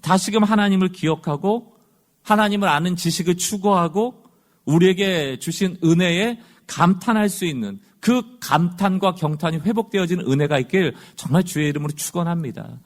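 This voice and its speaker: A man's voice: high voice, moderate pace. A man preaching a sermon as pastor, talking in a conversational way and asking the congregation rhetorical questions.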